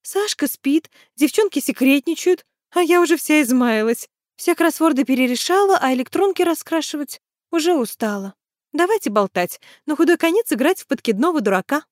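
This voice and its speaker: A woman reading voicing a lively young woman traveler who exclaims loudly and complains of boredom. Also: very high voice, dry recording, studio quality, voice pushed up. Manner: excitable, quick to exclaim.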